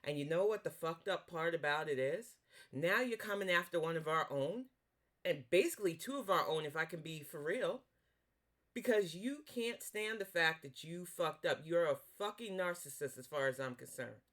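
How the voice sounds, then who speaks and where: A woman with a New York accent delivers heated reaction commentary, blunt and swearing freely. Her pitch swings up and down a lot as she scolds. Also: animated, normal speed, a bit bright. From Northeast US. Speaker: commentary YouTuber.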